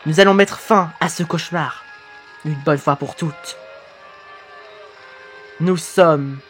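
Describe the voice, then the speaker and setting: A performer voicing a giant female moth queen in a fan animation, speaking in a low, measured way. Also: soft background music, natural voice. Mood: resolute.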